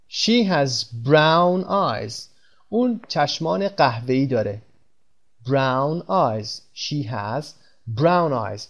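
A man teaching English vocabulary in a lesson, reading each English phrase slowly and explaining it quickly in Persian. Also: a little high. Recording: dull lo-fi recording.

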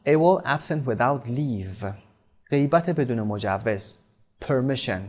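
A man teaching an English lesson in Persian. He reads the English example lines slowly and carefully, then explains them quickly, sometimes spelling words out letter by letter. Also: mid-range voice, lively intonation, a little mellow.

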